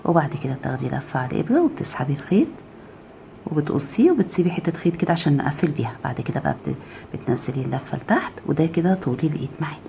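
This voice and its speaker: Egyptian woman, crochet tutor; low, warm, lively delivery, counts stitches, murmurs while working. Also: racing, vocal fry, a little hiss or hum. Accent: Egyptian Arabic. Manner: counts stitches aloud, keeps asking "okay?"; drops to a soft murmur while handling the work. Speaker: crochet teacher. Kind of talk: step-by-step crafting tutorial.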